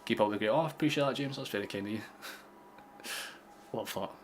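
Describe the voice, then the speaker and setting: A man's voice: on the low side, brisk, background noise. A young Scottish man hosting a football watchalong stream, chatting casually with lots of swearing and laughter. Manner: excitable, sweary, laughing often. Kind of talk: casual live-stream chat.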